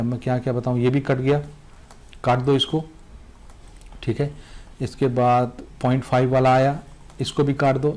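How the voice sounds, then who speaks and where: A man's voice: medium pitch, darkish tone. A young man with a Chhattisgarhi Hindi accent teaching students, repeating instructions over and over and urging them to cross out topics. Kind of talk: classroom lesson addressed to students.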